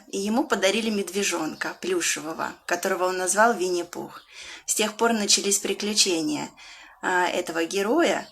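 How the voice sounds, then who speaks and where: Reading a picture book to young children, this English teacher with a Russian accent tells the story with lots of animation, making big jumps upward in pitch. Her questions come out slow and drawn-out.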